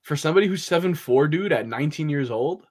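A man's voice: on the high side, animated, fast. A young man co-hosting a casual postgame sports chat over a video call, talking in a loose, joking way. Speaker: podcast co-host. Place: small room indoors. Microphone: video call webcam.

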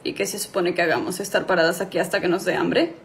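A woman as a deadpan, unimpressed female rival. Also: lowish voice, fast, vocal fry, pitched below the performer's own voice. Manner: deadpan, muted. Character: dry, unimpressed young woman contestant, quietly scheming rival. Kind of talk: acted comedy skit.

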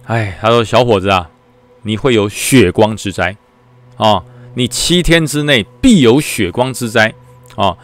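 A man's voice: lowish voice, lightly acted. A man doing an ominous temple caretaker. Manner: slow, drawn-out warnings. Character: ominous male temple caretaker, stern and drawn-out. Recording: faint background music.

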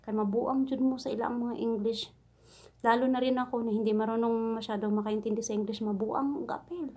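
A woman's voice: on the high side, darkish tone, husky. A woman from the Philippines with a Cebuano accent, a domestic helper telling funny stories in a casual vlog, chatty and giggly as she mimics her employer's broken English.

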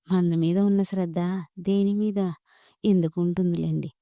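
A woman voicing a sharp-tongued young wife who is gentle with a child, in a storybook reading. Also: on the low side, steady tone, normal speed, no echo, studio quality, lightly acted. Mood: sarcastic.

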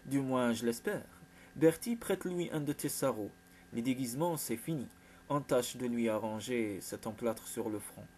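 A blunt, gruff older medieval lord, voiced by a male narrator who lectures and gives orders sternly. His pitch sits in an ordinary middle range. A faint hum runs behind the reading. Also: moderate pace, a little mellow, close to an everyday voice. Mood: commanding.

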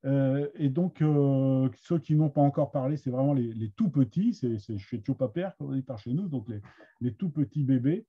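Over a video call's computer mic, a man with a Somme Picard accent teaches an online master class on Picard literature. His mid-range, breathy voice moves at a moderate pace but hesitates, restarting often and using many fillers, and the audio is dull and lo-fi.

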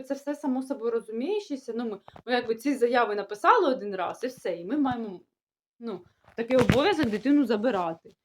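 A young woman with a sore throat, chatting casually to her viewers about everyday matters. She rambles and restarts, sounding puzzled. Her first language is Russian. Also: on the high side. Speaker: village-life vlogger. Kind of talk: casual talk to camera.

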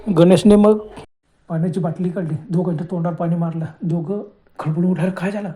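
A man's voice: high-pitched, fairly even intonation, brisk, warm tone. A man narrating a horror story in a dramatic way, often exclaiming in fright.

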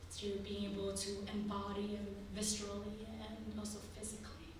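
A woman in her thirties who grew up in Bangladesh and Indonesia, speaking earnestly as a theater teacher on a panel, pausing to find her words. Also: mid-range voice, completely flat delivery. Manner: earnest, searching for words, many pauses. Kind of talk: panel discussion answer. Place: large lecture room, indoors. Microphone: table mic, heard from a distance. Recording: echoey room from far off, with noise.

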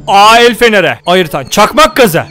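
A man's voice: high voice, very animated, normal speed, faint music behind. A young man playing a survival game, joking and telling his viewers what he does. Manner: joking, exclaims and scolds the game loudly. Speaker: gaming YouTuber. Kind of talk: comedic let's-play commentary.

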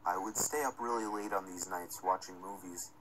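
A man's voice: sits low, steady tone, normal speed, background noise. A man reading a scripted first-person horror story as its narrator. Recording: music under the narration. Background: music.

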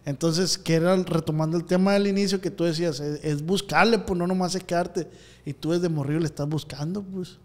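A man's voice: fairly high pitch, steady tone, fairly quick, a little mellow, big-room sound. A man hosting a casual podcast, telling slangy anecdotes and acting out the people in them. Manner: slangy storyteller, acts out voices in anecdotes. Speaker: podcast host.

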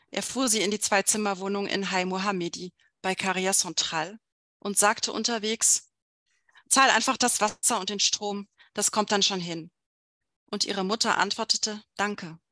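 A woman translator at a literary event, talking about a novel with some hesitation and then reading a passage aloud in a measured way. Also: mid-range voice, sharp tone, no echo, clean studio sound. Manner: measured, with frequent hesitations in talk.

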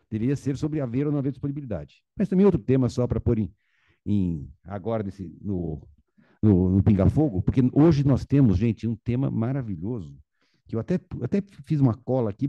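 Dark-voiced man moderating, dry dull sound. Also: medium pitch, dry recording. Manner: argumentative, emphatic, quick asides. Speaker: moderator and debate chair. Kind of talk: formal discussion and moderating. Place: large conference room.

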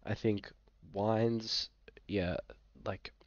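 In a small room indoors, a young Australian fantasy football vlogger talks very slowly in a lowish voice with fairly even intonation. Slightly sick and coughing from time to time, he goes through a screen-share review in a relaxed, hesitant way packed with fillers. There's no room sound, though the audio is lo-fi.

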